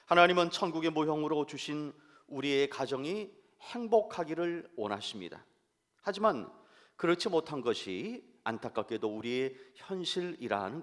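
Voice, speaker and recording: A man preaching a sermon as pastor, measured and earnest, letting his voice fall low and soft at the end of phrases. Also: big-room sound. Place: church sanctuary.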